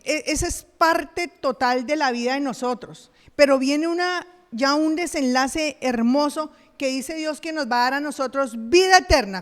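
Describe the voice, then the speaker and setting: Speaking from the pulpit, this middle-aged Colombian woman is a pastor giving a sermon with a high voice. Her delivery is lively as she plays out ordinary dialogues and chuckles at her own jokes. A long echo from the church hall lingers on the audio.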